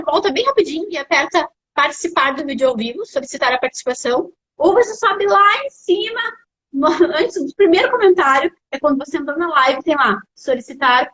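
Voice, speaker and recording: A young adult woman with a Brazilian accent hosting a live stream as an educational psychologist, explaining parenting tips to viewers in an animated, direct way. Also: sits high, low-quality recording. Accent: Brazilian Portuguese. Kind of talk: casual live-stream advice talk.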